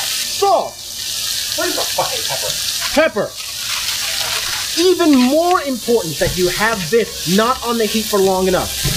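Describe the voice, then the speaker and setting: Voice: medium pitch, poor audio. A brash, playful, tipsy cooking host giving casual, sweary step-by-step instructions. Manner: tipsy, drunk. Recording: music behind, sizzling pan. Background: music and frying sizzle.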